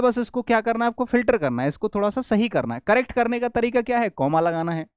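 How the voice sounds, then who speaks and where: High-voiced Indian man teaching grammar. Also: smooth, dry recording, clean studio sound. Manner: explains step by step, repeats questions back to the class. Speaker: English teacher. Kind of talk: classroom grammar lesson.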